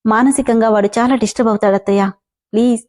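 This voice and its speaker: A woman's voice: on the high side, fairly even intonation, quick pace, a little mellow, lightly acted. A woman voicing a grieving, devoted mother in a spoken story, talking in a tender, pleading way.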